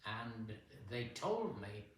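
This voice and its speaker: An older man tells his stories slowly, in a casual and unhurried way, stopping often for fillers. He sounds far from the mic, in a very echoey hall with a faint hiss behind him. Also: lowish voice, very animated. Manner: unhurried, anecdotal, with pauses and fillers. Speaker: guest speaker at a men's fellowship. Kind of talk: casual storytelling talk. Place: church hall.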